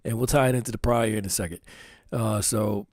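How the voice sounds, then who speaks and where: A man's voice: lowish voice, steady tone, a little fast, darkish tone, dry recording, clean studio sound. A man with a Philadelphia accent talking casually about his clothing designs, full of street slang and constant "you know what I'm saying.". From Philadelphia, United States. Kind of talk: casual talk to camera.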